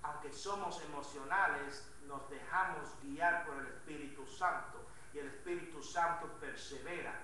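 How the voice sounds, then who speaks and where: Latin american spanish pastor guy preaching sunday sermon, asks the church questions, real bright edgy voice, super echoey hall. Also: fairly high pitch, moderate pace, few pauses, a little hiss or hum. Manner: preaching, swings between loud emphatic calls and quiet asides. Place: church sanctuary. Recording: very echoey church, mic from a distance.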